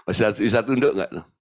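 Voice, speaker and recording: A male pastor preaching in a colloquial, teasing way, full of rhetorical questions to his congregation. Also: on the low side. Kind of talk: sermon.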